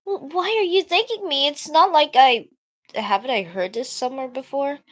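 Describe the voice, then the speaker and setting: A woman's voice: high-pitched, moderate pace, voice pushed up, lightly acted. A woman voicing a bratty, defensive schoolgirl who bakes, snapping and stammering her denials.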